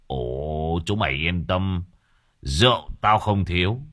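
Man putting on a crude old village boozer, low gravelly-ish bragging tone. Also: expressive, slow, fairly bright tone, no echo, clean studio sound, exaggerated voice. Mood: boastful. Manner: coarse boasting, then panicked wailing. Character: boastful old male village drunk.

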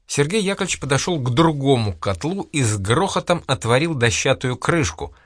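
A man reads a historical novel aloud in an expressive storytelling manner. His voice sits mid-range and the sound is dry and close, with no room. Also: mid-range voice, fairly quick, no room sound. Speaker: audiobook narrator. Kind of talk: expressive literary narration.

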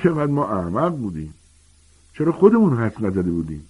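A man voicing a spoiled, sneering teenage rich boy with a flat, drawling, mocking manner and a husky voice. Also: lowish voice.

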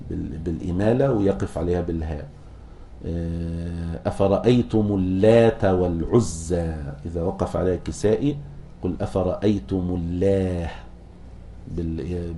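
A man teaching a class on Quran recitation, asking students questions, chanting verses slowly and restarting words as he explains. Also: low-pitched, dark tone, a little hiss or hum. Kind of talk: classroom lecture explaining a poem.

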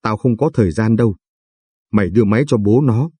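Woman kidnapper, ruthless, curt, warm low tone, dry sound, voiced by a man. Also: fairly quick, dry recording, close to an everyday voice. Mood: threatening. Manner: curt, rude.

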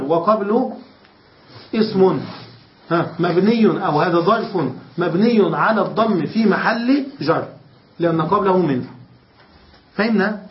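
A sheikh teaching Arabic grammar, explaining step by step and often checking that his students understand. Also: high voice. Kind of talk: classroom lesson. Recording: roomy, dull lo-fi lecture recording.

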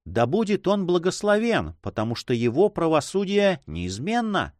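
A man voicing a devout noblewoman in an audiobook, raising his pitch and speaking in exclamations. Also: very animated, normal speed, darkish tone, dry recording, clean studio sound. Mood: rapturous. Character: devout noblewoman, a mother, rapturous.

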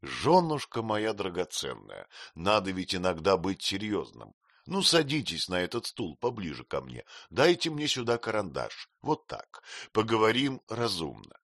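A man playing a gentle, earnest young husband who speaks patiently and tries to reason, in an audiobook reading. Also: low voice, wildly swooping pitch, a little slow, no echo, clean studio sound, full character voice.

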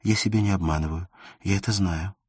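Earnest young woman, higher pleading voice, dry close mic, read by a man. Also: fairly quick, a little mellow, husky, no echo. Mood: devoted. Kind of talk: audiobook character reading.

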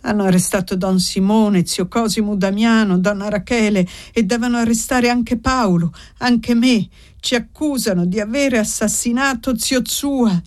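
A woman's voice: on the high side, moderate pace, few pauses, pitched above the performer's own voice, lightly acted. A woman reading the part of a young, frantic foundling woman who pleads with breathless urgency in an audiobook. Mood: desperate. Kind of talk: audiobook character voice.

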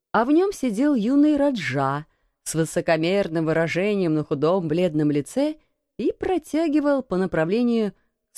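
A woman narrating a children's classic as an audiobook, with expressive storytelling. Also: mid-range voice, no echo, clean studio sound.

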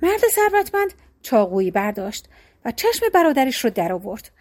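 A woman narrating a folk tale with an expressive storybook cadence. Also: on the high side, no room sound.

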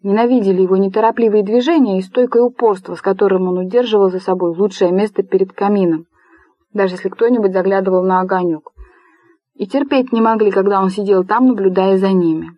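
A woman narrates a story with measured, expressive pacing. Her voice sits in a middle register. The recording is close and completely dry. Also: medium pitch, no room sound, muffled recording. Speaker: audiobook narrator.

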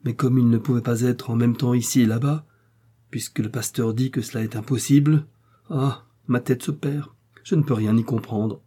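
A man's voice: mid-range voice, steady tone, moderate pace, warm tone, breathy edge, close to an everyday voice. A man voicing a timid, easily frightened innkeeper who pleads in a fluster. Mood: musing.

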